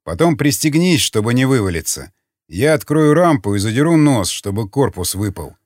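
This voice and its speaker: A man's voice: mid-range voice, sing-song, normal speed, darkish tone, dry recording, studio quality, natural voice. A man voicing a curt, commanding pilot who barks orders, read in an audiobook. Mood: calm commanding. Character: gruff tense male pilot, curt and commanding. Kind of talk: audiobook character voice.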